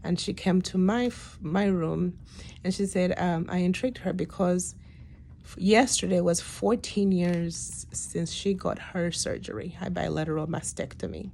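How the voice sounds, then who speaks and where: A woman in her late thirties talks reflectively to her viewers, sounding weak and worn out after surgery. Her voice is on the low side, soft-toned and mellow, with a lot of vocal fry. She speaks casually and hesitantly, letting phrases trail off. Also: a little slow. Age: late 30s. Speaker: patient giving a personal health update. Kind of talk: casual video diary. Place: hospital room. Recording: noticeable background room noise.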